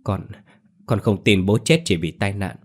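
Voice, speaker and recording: A man reading a grieving young man, choked. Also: lowish voice. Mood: distraught. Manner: choked, halting pleas.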